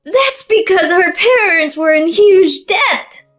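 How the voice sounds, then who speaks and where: Older mother, woman narrator voicing, shrill and scolding, pitched very high. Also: expressive, takes it slowly, a bit bright, soft background music, exaggerated voice. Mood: indignant. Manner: shrieking, scolding.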